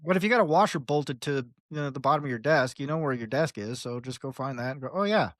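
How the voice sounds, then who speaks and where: A young adult man hosting a casual podcast conversation, telling stories with lively acted-out quotes and frequent laughs. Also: medium pitch, fast talker, dry recording, studio quality. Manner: animated storyteller, acts out quotes, laughs often. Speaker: podcast host.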